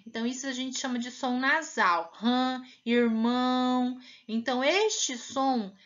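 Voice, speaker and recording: A woman from Brazil who teaches primary school, giving a recorded lesson and patiently sounding out words slowly to show them. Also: fairly high pitch, fairly bright tone. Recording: muffled lo-fi sound.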